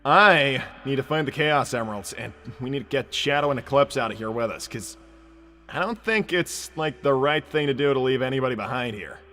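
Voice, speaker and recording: A brash young cartoon hedgehog hero, performed by a man, with a bright, forceful voice that moves freely up and down. He talks casually and haltingly, easygoing but sure of himself. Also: medium pitch, animated, a little hiss or hum. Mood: casual, decisive. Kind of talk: improvised character roleplay on a livestream.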